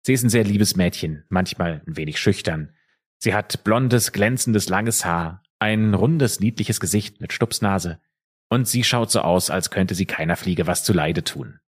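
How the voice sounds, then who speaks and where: A male co-host of a true crime podcast tells the case in a relaxed storytelling style, dropping in casual asides. His voice is low-pitched and breathy at the edges, and he speaks a little slowly.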